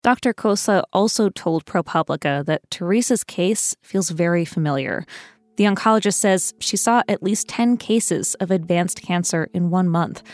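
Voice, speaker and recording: A woman co-hosting a news podcast, reading scripted news in a clear, measured way and chatting with her co-host. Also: lowish voice, dry recording, studio quality. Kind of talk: scripted news narration and banter.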